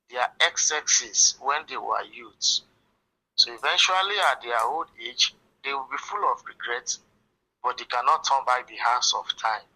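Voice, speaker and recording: A man, giving measured, moralizing advice in a voice note played back on the show. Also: mid-range voice, sharp tone, poor audio. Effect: voice note played back in the studio. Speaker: listener sending in a voice note. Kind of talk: advice monologue.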